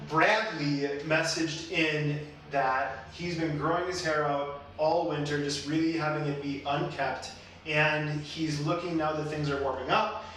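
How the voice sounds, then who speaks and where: A man with a fairly high, slightly bright voice hosts a casual advice talk as a hairstylist, explaining things in a conversational, roundabout way. The room is very echoey, the mic distant, with faint noise.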